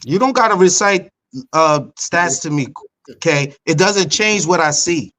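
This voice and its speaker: A man's voice: fairly high pitch, expressive, unhurried, bright, forceful tone. A man co-hosting a sports podcast, arguing his point insistently and repeating himself for emphasis. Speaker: podcast co-host. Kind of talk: casual sports debate.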